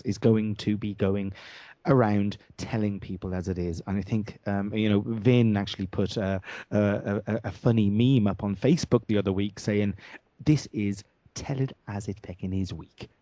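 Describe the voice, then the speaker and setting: Hesitant low-voiced male radio host. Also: steady tone, moderate pace, mellow, no echo. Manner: hesitant, many fillers and restarts. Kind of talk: radio talk show hosting. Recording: dull lo-fi audio.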